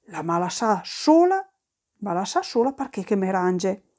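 A woman's voice: mid-range voice, very animated, a little slow, darkish tone. A woman voicing an exasperated middle-aged housewife who scolds sharply. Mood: scolding.

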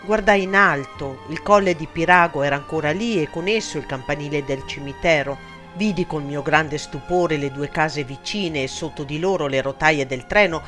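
A man narrating a first-person story in a steady, somber reading voice. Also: fairly high pitch, normal speed, faint music behind.

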